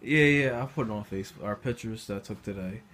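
A man's voice: lowish voice, fast, fairly bright tone. A man teasing his family in casual, slangy, profane banter in a living room.

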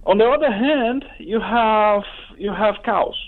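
A man with a fairly high voice calls in to a talk show. He speaks casually and hesitantly, full of fillers, through a narrow-band telephone line. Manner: hesitant, halting, many fillers. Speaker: radio phone-in caller. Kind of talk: casual chat. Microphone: telephone call.

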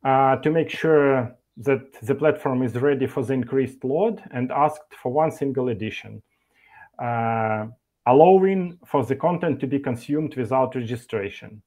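Over a video call, a man from an e-learning developer gives a conference talk at an online meetup, his mid-range voice somewhat dark in tone. He hesitates constantly, restarting sentences and leaning on fillers.

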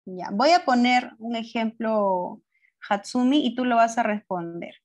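A woman's voice: on the high side, a little slow. A woman teaching young pupils, patiently going over each step and checking with questions. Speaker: primary school teacher.

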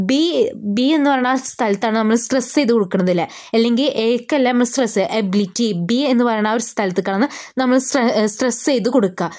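Malayali woman teaching phonetics slowly. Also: fairly high pitch, darkish tone. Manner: explains in mixed English and Malayalam, reads English definitions slowly. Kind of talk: exam revision lesson.

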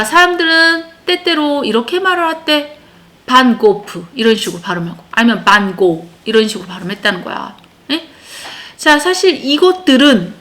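A woman's voice: on the high side, sharp tone. A woman teaching English to a class of children, explaining a text line by line and often checking that her pupils follow.

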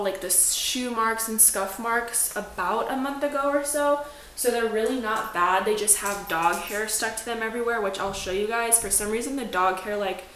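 A woman in her twenties, a lifestyle vlogger with a medium-pitched, bright, forceful voice, chats through a home cleaning vlog. She's upbeat and chatty, full of fillers and frequent "like"s. She's indoors in a small apartment living room, and the room sounds echoey with faint background noise.

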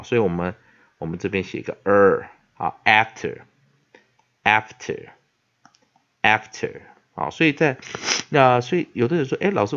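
Taiwanese-accented guy teaching english vocab, lowish voice that jumps around a lot, lots of "ah"s, kinda dull lo-fi sound. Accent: Taiwanese Mandarin. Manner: frequent drawn-out "ah" fillers, repeats words slowly. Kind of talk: classroom-style vocabulary lesson.

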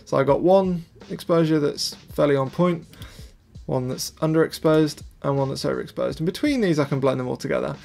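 A man's voice: on the high side, a little fast, creaky, a little mellow. A young man chatting casually and explaining his photo editing step by step, self-deprecating. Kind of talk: casual vlog and editing tutorial.

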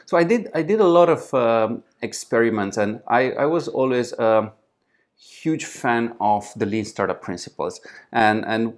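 A man, giving conversational interview answers. He talks in a halting way, restarting phrases and filling pauses with "uh" and "um." His pitch sits at an ordinary middle level, recorded indoors in a small conference room. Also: lively intonation. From Romania. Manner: halting, frequent restarts and fillers, gestures while talking. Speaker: startup founder guest.

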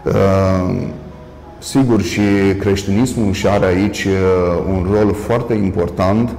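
A man, a priest and professor, giving a measured TV commentary, pausing often with "uh" and stressing contrasting word endings. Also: deep voice, steady tone, vocal fry, warm tone, reverberant, big-room sound, soft background music. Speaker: priest and professor hosting a TV talk. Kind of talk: solo lecture-style commentary.

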